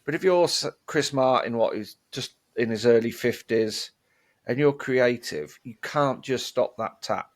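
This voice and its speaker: A man's voice: medium pitch, unhurried. Podcast co-host, male, wry rambler who hedges everything, easygoing music chat.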